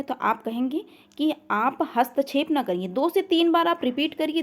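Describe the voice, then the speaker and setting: A woman teaching an online grammar lesson, asking the learners questions and then answering them herself, over and over. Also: sits high. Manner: repeats questions and makes the learner answer back. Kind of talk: online class lecture.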